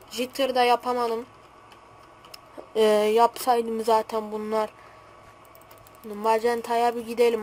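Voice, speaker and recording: Teen girl gaming host, brash trash talker, high-pitched, light hiss behind. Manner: excitable, hot-tempered trash talk. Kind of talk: gameplay commentary.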